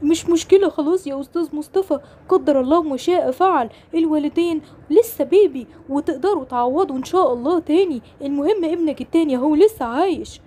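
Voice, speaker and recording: A woman's voice: high-pitched, quick pace, warm tone, natural voice. A woman doing a hesitant Egyptian male nurse. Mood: solemn. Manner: hesitant, solemn. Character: hospital male nurse delivering bad news.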